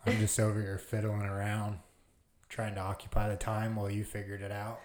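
A man with a deep, low voice talks in a relaxed, casual way, tossing in dry teasing remarks. His voice echoes around the room. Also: brisk, slight background noise. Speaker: podcast guest and brand co-founder. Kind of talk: casual podcast chat.

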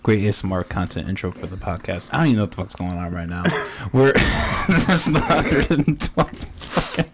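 A man's voice: lowish voice, expressive, a little fast, very noisy. A man in his twenties hosting a podcast, chatting loosely with plenty of swearing and laughter. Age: 20s. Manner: loose, profane and giggly. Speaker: podcast host. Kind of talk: casual chat.

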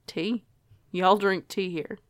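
In an audio roleplay of casual dialogue, a woman plays a flustered, curious young newcomer, talking hesitantly and rambling. Her mid-range voice is steady and slow, close to an everyday voice, in a dry recording.

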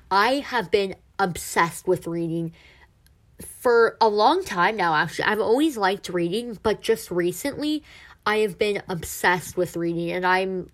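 A young woman hosting a casual solo podcast, chatty and full of fillers, a little self-deprecating, her voice somewhat muffled and close on the mic. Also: fairly low pitch. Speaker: podcast host. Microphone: close mic, sometimes too loud.

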